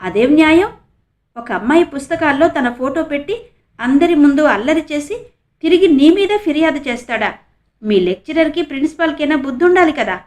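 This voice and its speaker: A woman's voice: sits high, expressive, a little slow, pauses often. A woman voicing a young male reporter who comforts his younger sister with concern. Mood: indignant. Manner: eager, concerned, soothing. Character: young male reporter, protective elder brother. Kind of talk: audiobook character reading.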